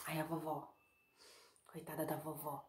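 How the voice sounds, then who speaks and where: A woman preschool teacher with a Brazilian Portuguese accent telling a fairy tale to young children, expressive, asking them questions and dropping into dramatic whispers. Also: low voice, normal speed, heavy background noise. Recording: echoey room.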